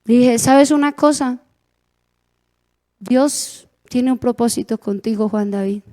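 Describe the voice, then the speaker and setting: A woman's voice: fairly high pitch, takes it slowly, warm tone. A Colombian woman preaching a sermon, telling a testimony earnestly and acting out the dialogue. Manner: earnest storytelling, acts out dialogue.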